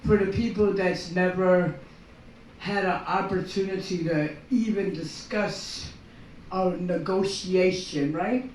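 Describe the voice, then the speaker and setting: A woman at an open mic, rambling through her set and forever asking the crowd if they follow. She takes her time, speaking slowly. Her voice reaches the mic from across a very echoey room. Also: fairly low pitch, a little mellow, distant mic, slight background noise. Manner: rambling, keeps checking in with the crowd. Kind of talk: stand-up monologue.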